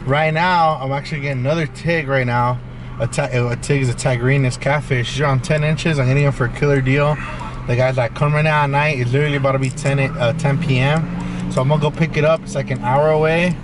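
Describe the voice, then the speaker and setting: A man's voice: medium pitch, fairly even intonation, quick pace, far from the mic, noisy background. A young man chatting casually in a car at night, rambling with lots of fillers and restarts. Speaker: fish-keeping vlogger. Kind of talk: casual chat. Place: inside a parked car at night.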